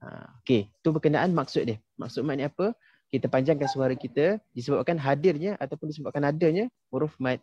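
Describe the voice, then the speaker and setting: Running a casual online tajwid class, a young Malaysian man patiently quizzes his students, using "ha" and "okey" to fill gaps. His voice is on the high side, brisk and warm with a breathy edge, captured in a dry, lo-fi recording.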